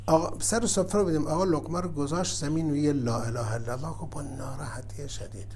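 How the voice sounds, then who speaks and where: Male preacher, fairly high voice, tells a story in a sermon, drops quiet then rises to forceful urging. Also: slight background noise. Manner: storytelling, swings from soft asides to emphatic exhortation. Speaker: cleric.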